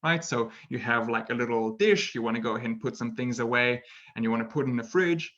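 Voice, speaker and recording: A male English teacher with a medium-pitched, fairly bright voice speaks a little fast in a casual online webinar lesson, and the computer-mic audio is dull. His manner is chatty and playful, he laughs at himself, and he tags his sentences with "right?".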